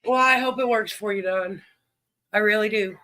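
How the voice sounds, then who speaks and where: A man runs a casual livestream, chatting along and calling out each viewer by name. His voice sits high and rings sharp and bright. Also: normal speed. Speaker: livestream host.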